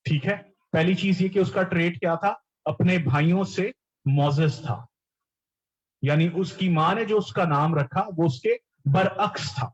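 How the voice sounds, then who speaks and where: A man's voice: sits high, dull audio. A man preaching a sermon, explaining scripture and repeating key words, often mixing English terms into his teaching.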